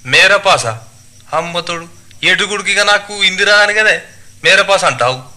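A man voicing a quarrelsome village tailor, loud and indignant, with a Telangana Telugu accent. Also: high-pitched, moderate pace, voice pushed up.

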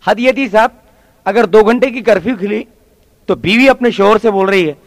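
A high, gravelly male voice in a Hyderabadi Urdu accent, telling a comic sketch in lively, shifting character voices. The sound is dry and close, with no room around it. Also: normal speed, no echo. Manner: animated storyteller, switching voices. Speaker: stand-up comedian.

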